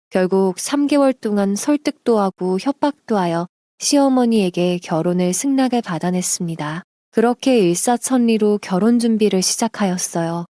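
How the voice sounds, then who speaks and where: A woman narrates a submitted life story in a steady, confiding way. Her voice is mellow and warm, and the recording is dry with no room sound. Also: medium pitch, no echo.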